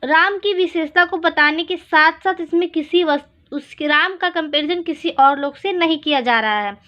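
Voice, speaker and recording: A woman with a very high voice teaches an English grammar lesson in Hindi. She keeps asking questions and answering them herself, and she slows right down for each example sentence. The recording is dull and lo-fi. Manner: reads English examples slowly.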